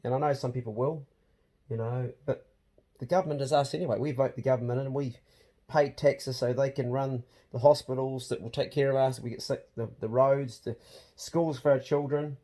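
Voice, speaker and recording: Mellow man with a broad Kiwi accent. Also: medium pitch, steady tone, moderate pace. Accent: broad New Zealand. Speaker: vlog host. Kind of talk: casual vlog chat.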